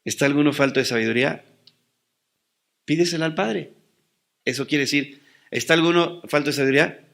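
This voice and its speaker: A man's voice: fairly high pitch, brisk, vocal fry, long pauses, a bit bright. A man preaching a sermon as pastor, asking rhetorical questions and answering them with rising emphasis.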